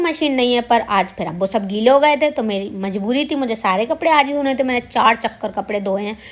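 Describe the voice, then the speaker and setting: A woman vlogger narrating her day in a chatty, self-mocking voice-over, speaking straight to her viewers. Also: a little high. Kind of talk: casual vlog voice-over.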